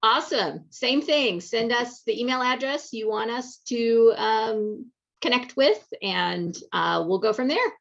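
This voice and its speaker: A woman's voice: fairly high pitch, animated, unhurried, gravelly, fairly bright tone, muffled recording. A woman hosting a live online community event, chatty and upbeat, with plenty of fillers. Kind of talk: casual live webinar hosting.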